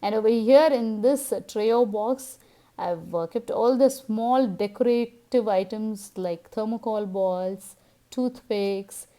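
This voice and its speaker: A woman's voice: medium pitch, slow, warm tone. Tamil-accented Indian woman vlogger. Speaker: home vlogger, host. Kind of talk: casual household vlog narration.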